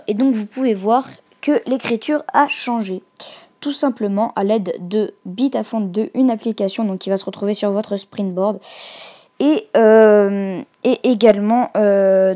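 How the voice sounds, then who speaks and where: A woman with a mellow, dark-toned voice walks viewers through a casual screen-recorded tech tutorial. She talks in a hesitant way, full of fillers, pauses and restarts, at an ordinary pitch. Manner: hesitant, filler-heavy, self-correcting. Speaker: YouTube tech channel host.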